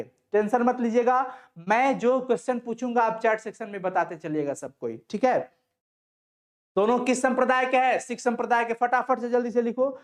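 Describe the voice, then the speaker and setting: A young man with a high voice teaches a Hindi story in an online class. He asks his own questions, repeats them, and answers them, reassuring students and coaxing them to listen.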